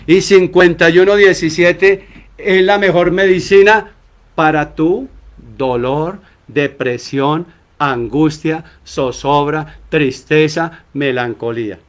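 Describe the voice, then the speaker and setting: A pastor with a fairly high-pitched voice preaches a sermon, asking his congregation rhetorical questions. He acts out short quoted exchanges between church members.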